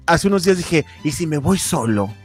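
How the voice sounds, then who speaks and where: Man, rambling radio chat, slightly high voice. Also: very animated, moderate pace, soft background music. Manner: chatty, rambling with fillers. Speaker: radio reporter.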